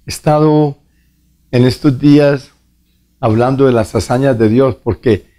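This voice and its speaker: A man, a priest, preaching and telling a testimony slowly and earnestly to the viewer. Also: medium pitch, dark tone. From Colombia. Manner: slow, earnest storytelling, addressing the viewer directly.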